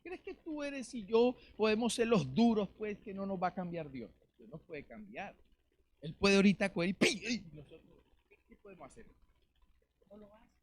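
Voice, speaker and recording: A man preaching a lively sermon as pastor in a church, calling out questions to the congregation. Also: high-pitched, moderate pace. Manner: calls out to the congregation, rhetorical questions. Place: church in Valencia, Spain. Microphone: live-streamed service mic.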